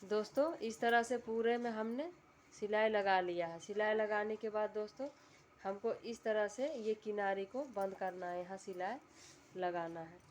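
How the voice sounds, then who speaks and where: Woman, tutorial host, medium pitch, steady instructional delivery, faint background hiss. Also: moderate pace. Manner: calm, repetitive instructional voice-over. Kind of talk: step-by-step sewing instruction.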